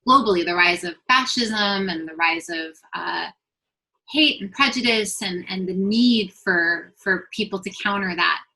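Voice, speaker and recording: Earnest LA writer, bright voice, thoughtful and fluent. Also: female voice, medium pitch, a little slow, low-quality recording. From Los Angeles, US. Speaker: writer and producer. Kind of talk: casual interview answers.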